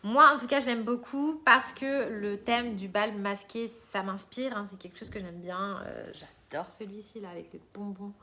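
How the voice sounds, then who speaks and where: A woman's voice: medium pitch, normal speed, hardly any pauses, sharp tone. A woman vlogger chatting casually about her coloring purchases, rambling with many fillers and restarts. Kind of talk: casual chat showing purchases.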